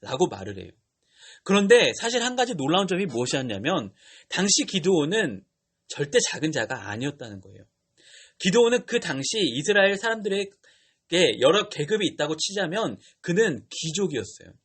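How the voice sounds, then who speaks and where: A young man preaching to teenagers as a youth pastor, retelling a Bible story in a lively way with slang and questions to the kids. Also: fairly high pitch, fairly quick, slightly rough.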